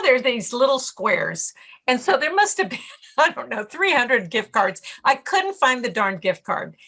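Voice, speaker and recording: A middle-aged woman, a guest author and stress coach, talks about stress on a podcast interview and acts out her own inner voice as she tells stories. Her voice is fairly high, bright, and forceful.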